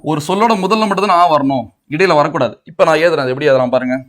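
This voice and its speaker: Tamil Nadu male tutor, high voice, quizzes himself through each point. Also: animated, rapid-fire. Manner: asks and answers his own questions, mixing in English words. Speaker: Tamil grammar teacher. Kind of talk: exam coaching lecture.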